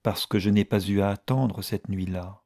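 Man playing a reserved middle-aged woman, soft and quiet, low dark voice, audiobook. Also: steady tone, moderate pace, gravelly, dry recording, studio quality. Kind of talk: audiobook reading.

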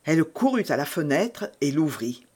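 A man reading a classic novel aloud in measured, dramatic narration. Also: a little high, big pitch swings, a little mellow, slightly rough.

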